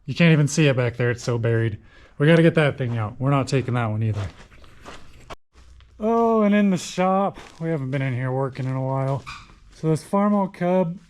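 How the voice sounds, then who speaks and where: A young man chatting casually as he walks through his barn and shop showing off old tractors, folksy and quick to correct himself. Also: medium pitch, animated, a little mellow, a little hiss or hum, poor audio. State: out of breath. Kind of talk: casual walkthrough talk.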